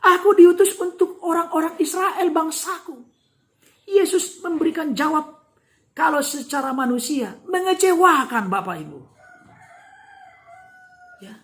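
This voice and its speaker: A woman preacher giving a dramatic storytelling sermon, often addressing the congregation directly. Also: high voice.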